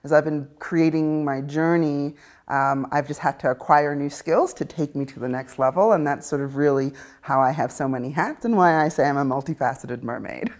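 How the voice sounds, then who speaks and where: A marine conservationist from the Bahamas explains her work in an interview conversation. She has a deep voice, speaks at normal speed, and comes across as warm and explanatory, laughing often.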